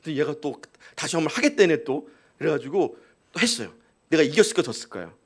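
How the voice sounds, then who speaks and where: A man's voice: fairly high pitch, very animated, quick pace, breathy edge. A male pastor preaching a live Sunday sermon. He tells a story, acts out quotes and keeps asking the congregation rhetorical questions. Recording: live church service.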